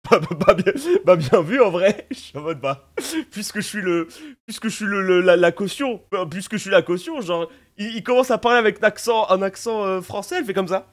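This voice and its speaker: A man from France with a French accent, chatting casually to his viewers in an animated, slangy way, full of fillers and restarts. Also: high-pitched, brisk. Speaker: streamer. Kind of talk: casual recap chat to viewers.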